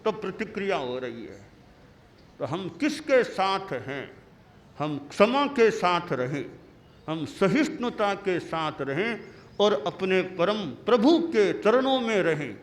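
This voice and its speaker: A man who is a monastic spiritual teacher, giving a sermon with a story and repeating key words deliberately. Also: sits high, sing-song.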